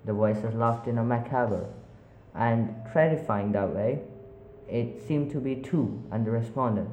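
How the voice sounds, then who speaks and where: A man narrating a spooky story in a measured, unhurried way with small slips. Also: medium pitch, a little mellow, a little hiss or hum. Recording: roomy echo.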